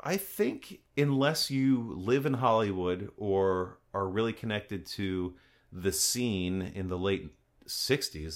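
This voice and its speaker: A man hosting a podcast in casual chat, with a joking, conversational and somewhat hesitant delivery. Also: sits low. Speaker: podcast host.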